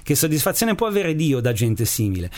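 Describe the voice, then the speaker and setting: A man voicing a gruff, gleeful old country priest as he reads a story aloud, declaiming with emphasis. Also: fairly high pitch, big pitch swings, a little fast. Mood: grumbling.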